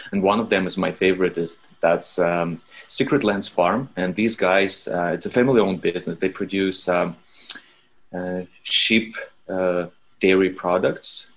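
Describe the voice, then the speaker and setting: A man with a Russian accent and a very low, deep voice talks in a relaxed podcast chat. He speaks haltingly, restarting phrases as he hunts for the right English words. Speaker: podcast guest. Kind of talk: casual chat.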